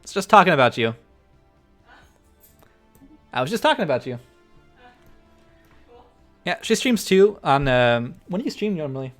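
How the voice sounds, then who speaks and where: A man's voice: on the high side, sing-song, normal speed, pauses often, soft background music. A man streaming a strategy game, chatting casually and rambling with lots of fillers. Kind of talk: casual live-stream chat.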